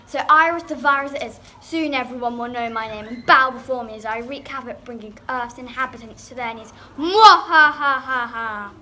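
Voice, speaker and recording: A female performer playing a pompous virus supervillain in a school play, gloating with slow theatrical menace. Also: a little high, fairly even intonation, lightly acted. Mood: menacing, boastful. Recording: echoey, noisy school hall recording.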